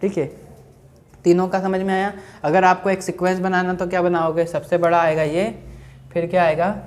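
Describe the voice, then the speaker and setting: A woman chemistry teacher who asks questions and answers them herself, then dictates notes slowly, repeating each phrase. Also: fairly low pitch, little pitch movement, darkish tone.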